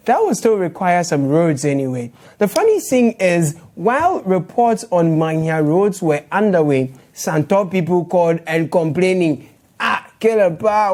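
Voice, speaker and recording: This young Ghanaian-accented host runs a satirical news program from a studio, his mellow, high-sitting voice full of playful sarcasm. He laughs while he speaks.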